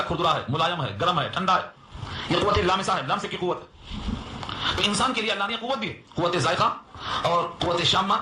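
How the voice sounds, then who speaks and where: A man giving a Quran commentary lecture, explaining word by word with rhetorical questions and emphatic swings between low and raised phrases. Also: background noise. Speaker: Quran teacher. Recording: roomy echo with faint ambience.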